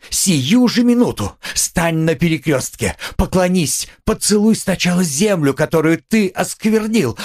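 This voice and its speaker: A man voicing a devout young woman who pleads with high, trembling urgency in an audiobook. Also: slightly rough, exaggerated voice. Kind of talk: audiobook character reading.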